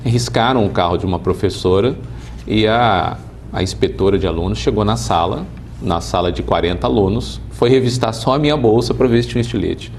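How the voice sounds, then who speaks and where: A man in his forties from Brazil, a guest in an interview, telling his life story calmly and earnestly. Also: lowish voice, brisk, slight background noise. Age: 40s. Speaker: interview guest, city councilman.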